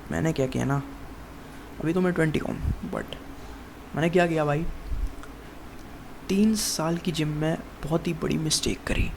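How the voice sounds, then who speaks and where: In his early twenties, this fitness vlogger talks loosely to camera in a rough, gravelly voice set a touch higher than most men's. Venting about fitness, he rambles, restarts sentences and constantly calls the listener "bhai," or "bro," while a faint hiss or hum sits underneath.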